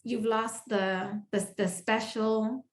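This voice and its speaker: A woman podcast guest telling a faith story in an animated, emphatic way, repeating phrases for effect. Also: fairly high pitch, slow, roomy sound.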